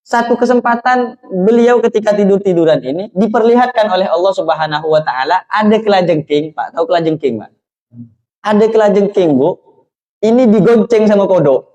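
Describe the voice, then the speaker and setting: High-voiced preacher telling a story. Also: male voice, normal speed, a little mellow. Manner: storytelling, often asking the congregation questions. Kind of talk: sermon. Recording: dull lo-fi recording.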